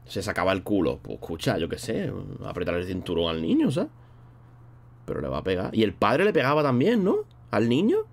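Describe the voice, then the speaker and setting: A man's voice: lowish voice, wildly swooping pitch, fairly quick. A man streaming live, chatting casually and rambling in a slangy way while thanking viewers between thoughts. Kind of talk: casual livestream chat.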